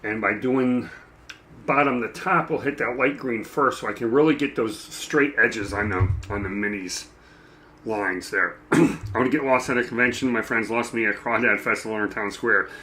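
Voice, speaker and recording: A man chatting casually while he paints a miniature, rambling and self-deprecating, with a dry, froggy throat that he keeps clearing. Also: medium pitch, moderate pace, bright, forceful tone. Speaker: mini painting streamer.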